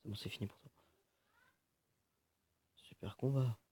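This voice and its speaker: A man's voice: mid-range voice, steady tone, a little slow, warm tone, slight background noise. A man giving casual, joking gameplay commentary, swearing often and muttering to himself. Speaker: gaming video host.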